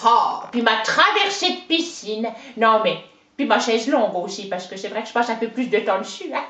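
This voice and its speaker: In a comic character interview, a woman plays the interviewee: a chatty older countrywoman who boasts and rambles in folksy style with a Franc-Comtois (Haut-Doubs) accent, dropping "hein" and "oh ben" throughout. Her voice is a little high, animated and a bit bright at normal speed, in a roomy, dull lo-fi recording.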